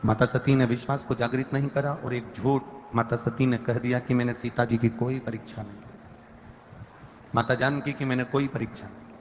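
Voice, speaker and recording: A man's voice: medium pitch, steady tone, normal speed. Man preaching in a reverberant hall. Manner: preachy, repetitive lists, rising emphatic lines. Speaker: devotional preacher. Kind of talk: Hindi religious discourse. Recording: reverberant hall with faint ambient noise.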